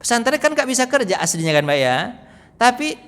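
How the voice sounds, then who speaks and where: A man preaching a morning study sermon in a mosque, chatty and full of questions to the audience, often acting out the people he quotes in a lower voice. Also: big pitch swings, a little fast, fairly bright tone. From West Sumatra. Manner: conversational, keeps asking the audience questions. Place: mosque hall. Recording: long reverb in a mosque hall.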